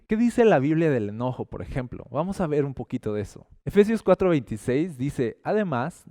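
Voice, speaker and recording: Guy preaching on a podcast, warm smooth voice, dry close mic, acts out little scenes. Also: medium pitch, no room sound. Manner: lively, acts out quotes and little scenes, swings between loud and hushed. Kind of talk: conversational sermon.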